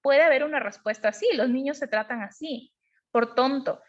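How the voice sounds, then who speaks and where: A woman's voice: high-pitched, moderate pace. A woman teaching an online class on emotional parenting, explaining step by step and often checking in with her listeners. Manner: explanatory, asks frequent checking questions. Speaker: parenting educator. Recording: dull lo-fi sound.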